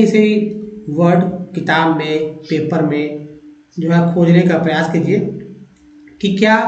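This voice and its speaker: A man teaching English reading in a tutorial lesson, drilling vowel sounds slowly with repeated cues. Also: high voice, a little mellow. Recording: echoey, dull lo-fi room sound.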